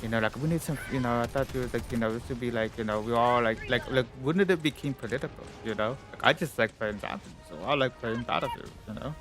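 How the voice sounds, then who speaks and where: Music plays in the background as this streamer talks fast, hardly pausing, in a steady mid-range voice that sounds slightly congested. His casual gaming chat wanders and leans heavily on "like," "you know," and other fillers.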